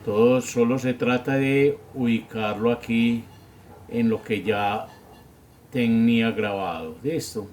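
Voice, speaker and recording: A man giving a grammar lesson as a teacher, explaining step by step and often checking with a quick question. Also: medium pitch, a little mellow, a little hiss or hum. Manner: slow, patient, checks with "¿sí?". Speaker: English teacher.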